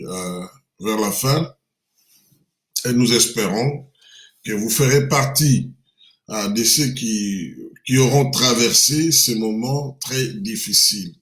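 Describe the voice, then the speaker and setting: A man hosting a live Q&A, slowly reading out viewers' names and greeting and blessing them. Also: fairly low pitch, fairly bright tone. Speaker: livestream host greeting viewers.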